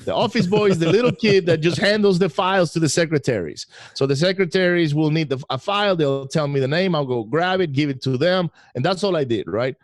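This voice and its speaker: A middle-aged man from Venezuela telling his story as a guest, animated and laughing now and then. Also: a little high, a little fast, few pauses, no room sound, clean studio sound. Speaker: podcast guest. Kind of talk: casual interview storytelling.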